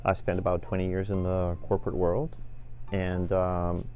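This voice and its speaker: A middle-aged man from Venezuela, a franchise business owner answering interview questions in a measured way, with many fillers and restarts. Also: deep voice, monotone, muffled recording, soft background music.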